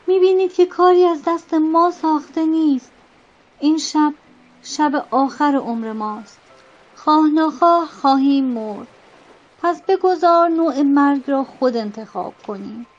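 A woman's voice: a little high, fairly even intonation, hardly any pauses, lo-fi sound, close to an everyday voice. A woman voicing a desperate male head sailor who pleads urgently with his captain. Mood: pleading.

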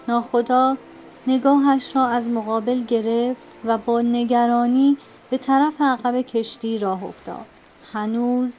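A woman narrating a novel as an audiobook in a measured, dramatic storytelling manner. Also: on the high side, darkish tone, dull audio. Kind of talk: scripted narration.

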